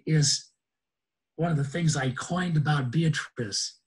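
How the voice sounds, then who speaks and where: A man's voice: fairly high pitch, takes it slowly, poor audio. A man in his sixties, an enthusiastic guest speaker who laughs often, talking on a video call. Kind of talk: casual webinar talk.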